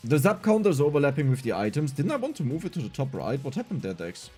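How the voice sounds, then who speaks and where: A man's voice: on the high side, wildly swooping pitch, fast, dark tone, slightly rough, faint music behind. A young adult man with a German accent, streaming a game, reading chat aloud and answering it with self-mocking humor. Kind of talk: casual livestream gameplay chat.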